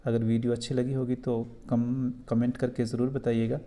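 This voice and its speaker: A man's voice: mid-range voice, flat delivery, normal speed, mellow. A man with a Kashmiri accent who teaches a school lesson, explaining answers patiently and repeating points for young students.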